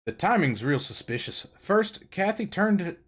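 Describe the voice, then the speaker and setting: A man's voice: high voice, very animated, unhurried, voice pushed up, exaggerated voice. A man voicing a middle-aged small-town sheriff, with a cop voice that drifts southern. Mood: urgent.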